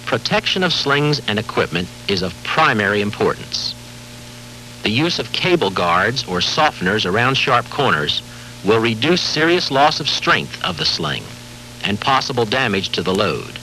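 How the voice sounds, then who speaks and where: A man giving formal, measured scripted narration for a safety training film, heard from a worn VHS tape copy with faint hiss and hum. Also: medium pitch, very animated, bright, forceful tone, rough recording. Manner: measured, formal, authoritative delivery.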